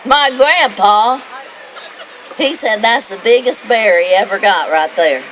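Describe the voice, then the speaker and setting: A woman's voice: medium pitch, expressive, unhurried, fairly bright tone, a little hiss or hum, poor audio. An older woman telling homespun stories to a young audience, rambling and asking her listeners questions. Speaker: storyteller. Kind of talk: folksy storytelling to a young audience.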